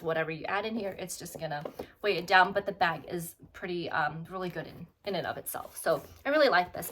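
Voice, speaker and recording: A woman's voice: mid-range voice, fairly bright tone, slight background noise. A woman vlogger giving a casual product review, chatty and friendly with many fillers, sounding slightly out of breath.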